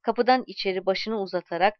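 A woman narrating a story aloud in a calm, measured reading voice, voicing the dialogue as she goes. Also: mid-range voice, dry recording, muffled recording.

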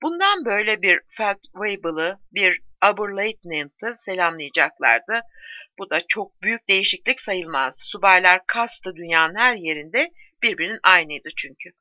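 A woman reading a novel aloud with lively, shifting intonation. The recording is dry and a little dull and lo-fi, like a home microphone in a small quiet room. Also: mid-range voice, moderate pace, no echo. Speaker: audiobook reader. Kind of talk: scripted narration of a novel.

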